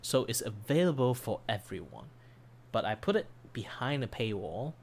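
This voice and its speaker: This man, a streamer who does commission art, has a medium-pitched, sing-song voice and a moderate pace. He talks casually and ramblingly on his livestream, making fun of himself as his voice starts to fail. Music plays in the background beneath him.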